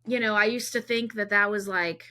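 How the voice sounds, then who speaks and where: Sex: woman. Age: 30s. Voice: bright, chatty. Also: mid-range voice, steady tone, normal speed. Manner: chatty, frequent restarts and repeated words. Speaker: singer-songwriter guest. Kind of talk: casual podcast conversation.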